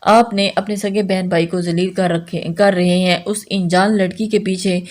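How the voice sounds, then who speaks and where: A woman voicing a bitter, sharp-tongued young sister who confronts her brother. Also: mid-range voice, fairly even intonation, natural voice. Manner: bitter, cutting.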